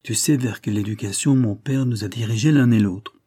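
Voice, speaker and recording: Brief: male reader as a principled young man, earnest, husky low voice, audiobook. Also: a little fast, warm tone, close to an everyday voice. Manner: earnest, conscientious.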